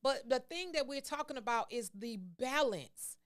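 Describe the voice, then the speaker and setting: A woman's voice: high voice, lively intonation, normal speed. A woman co-hosting a casual faith talk show, speaking in an earnest, teaching tone. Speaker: co-host.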